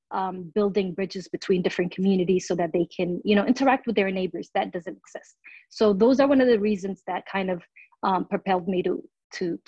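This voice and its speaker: A woman's voice: mid-range voice, darkish tone, no room sound. Earnest woman with many "um" fillers, dull lo-fi sound. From Somalia. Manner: frequent "um" fillers and restarts, earnest. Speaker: city council candidate, interview guest. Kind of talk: casual interview answers. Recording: dull lo-fi audio.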